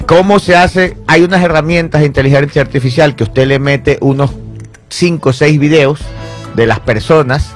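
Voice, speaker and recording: Animated male host, slightly higher voice, faint music bed. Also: moderate pace. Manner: animated, mimics what people say, fillers and restarts. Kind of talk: casual gossip and news chat.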